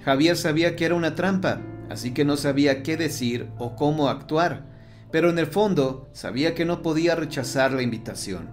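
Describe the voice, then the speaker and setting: A man reading a horror audiobook in a steady, measured storytelling voice. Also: on the high side, soft background music. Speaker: narrator. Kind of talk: scripted audiobook narration.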